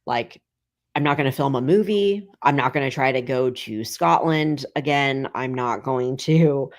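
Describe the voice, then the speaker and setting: Casual guest: thirties woman, deep for a woman, meandering chat full of fillers. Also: measured pace. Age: 30s. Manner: rambling, heavy filler "like". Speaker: guest comedian.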